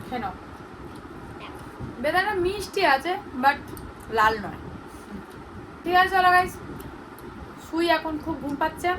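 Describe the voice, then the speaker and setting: A woman's voice: very high voice, animated, unhurried, pauses often, noisy background. A young woman and mother chatting casually to her viewers, laughing often as she shows her family. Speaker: vlogger and mother. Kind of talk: casual vlog narration to viewers. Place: home and a relative's house, indoors.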